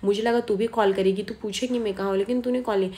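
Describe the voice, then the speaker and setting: A woman voicing a joking young husband in quick, teasing banter, close to her own voice. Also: mid-range voice, steady tone, dark tone, breathy edge, natural voice.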